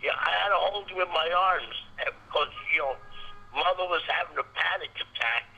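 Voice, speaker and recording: A man calling in to a talk show over a phone line that keeps breaking up, speaking haltingly and repeating his words. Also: on the high side, creaky, bright, forceful tone, breathy edge. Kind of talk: casual phone call. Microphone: telephone.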